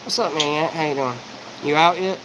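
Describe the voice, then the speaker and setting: High-voiced man rambling fast. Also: background noise. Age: 40s. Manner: rapid, profane, rambling and disjointed. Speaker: livestreamer. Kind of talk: rambling live-stream monologue.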